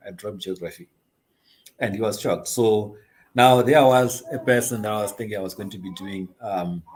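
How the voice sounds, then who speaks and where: With slight background noise behind him, a middle-aged man from Zimbabwe speaks in a lowish voice. He is the CEO of an investment advisory business, appearing as an interview guest. His storytelling is hesitant and chatty, peppered with ums and uhs and light laughs.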